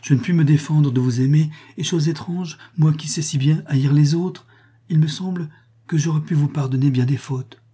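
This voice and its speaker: A proud, passionate young woman, voiced by a male reader, speaks in a lifted, strained tone from a storybook reading. Her husky, mellow voice pushes louder and higher as she pleads and insists. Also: moderate pace. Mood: vehement. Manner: impassioned, raised and forceful.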